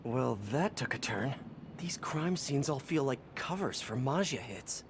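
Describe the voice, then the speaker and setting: A man voicing a young male superhero who quips and rambles to himself, in a game with steady background noise. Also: mid-range voice, unhurried. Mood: wry.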